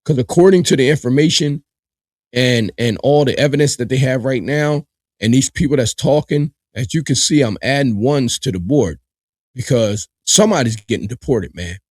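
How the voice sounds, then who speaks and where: A man hosts a live reaction stream, commenting emphatically and speaking straight to his audience. He often repeats words as he presses a point. His voice sits at a middle pitch and sounds close and dry, with no room echo. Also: moderate pace, a little mellow. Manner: emphatic, repetitive, addresses viewers directly. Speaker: live reaction show host.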